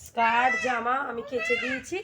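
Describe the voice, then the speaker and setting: A woman's voice: on the high side, wildly swooping pitch, brisk, heavy background noise. Chatty mother vlogging at home. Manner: chatty, talks to viewers while scolding and coaxing her kids. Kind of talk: casual home vlog.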